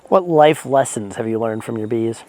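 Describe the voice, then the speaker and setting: A man's voice: medium pitch, moderate pace, a little mellow, no room sound, rough recording. A man interviewing a guest, asking brief, plain questions.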